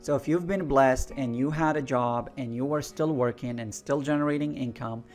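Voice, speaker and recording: An earnest man from Iraq talks straight to his listeners as an energy intuitive. His voice sits at a mid pitch, and he repeats key phrases for weight. Soft guitar music plays faintly underneath. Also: normal speed. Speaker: energy intuitive channel host. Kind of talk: spiritual monologue to camera.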